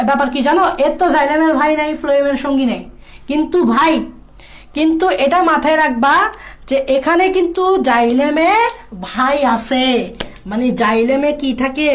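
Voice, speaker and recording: A woman tutoring biology for exams in a casual lecture, repeating key points and checking that students follow. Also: high voice. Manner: repetitive, drilling key points. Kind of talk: exam-prep lecture.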